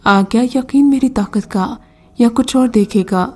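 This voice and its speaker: A woman's voice: mid-range voice, steady tone, mellow, lightly acted. A woman voicing a mocking old male jinn who gives scornful, brusque commands in a storybook reading.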